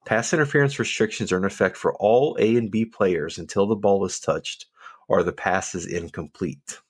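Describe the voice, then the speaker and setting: A man's voice: sits low, husky, no room sound. A man co-hosting a podcast, explaining officiating rules in a casual, methodical way with frequent fillers. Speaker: podcast co-host, football official.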